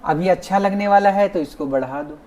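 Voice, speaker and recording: A massage instructor giving a hands-on class demonstration, with soft, repeated cues and frequent check-ins with the students. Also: mid-range voice, fairly quick, a little hiss or hum. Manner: soft, repetitive coaching cues. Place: training academy classroom.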